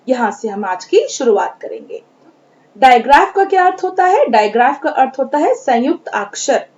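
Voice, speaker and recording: Woman teacher, high voice, very unhurried phonics drills, muffled lo-fi recording. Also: a little mellow. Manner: slow, deliberate teaching, models sounds, repeats words. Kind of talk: English phonics lesson for school students. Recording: dull lo-fi recording.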